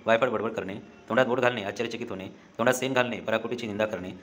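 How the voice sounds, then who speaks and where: A man teaching a language lesson, reading a list of idioms and their meanings briskly, with short "uh" fillers. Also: lowish voice, fairly even intonation, fairly bright tone.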